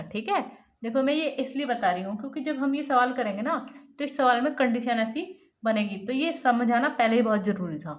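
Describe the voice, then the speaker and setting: A woman's voice: sits high, echoey room. A woman teaching a step-by-step math lesson, asking her students questions and answering them herself.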